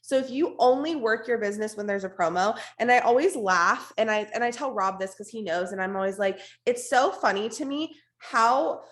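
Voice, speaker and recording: A woman with a hoarse, raspy, strained voice gives an informal, emphatic, unscripted motivational team talk on a video call. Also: medium pitch, a little fast, few pauses, a little hiss or hum. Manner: informal, emphatic, repeats for stress, blunt. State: hoarse, losing her voice, coughing now and then. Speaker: network marketing team leader hosting an online meeting.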